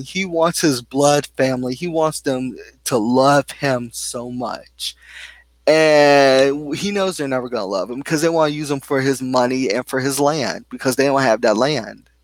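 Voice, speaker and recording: A man's voice: medium pitch, no echo. Heated young man venting, dry sound. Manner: heated, rambling, full of fillers like "like" and "you know". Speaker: vlogger. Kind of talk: casual venting monologue.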